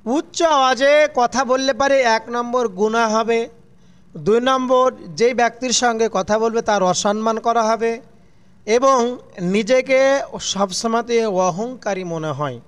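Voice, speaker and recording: A man's voice: very high-pitched, a little slow, a bit bright, smooth. A man teaching children a religious lesson, asking questions and answering them himself in a falling tone, call-and-response style.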